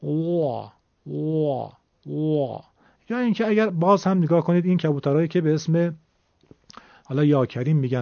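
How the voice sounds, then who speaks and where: Man, middle-aged, recitation teacher, patient explainer, slightly high pitch, muffled lo-fi recording. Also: a little mellow, no room sound. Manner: patient, demonstrates sounds slowly. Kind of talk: explanatory lesson. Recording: dull lo-fi recording.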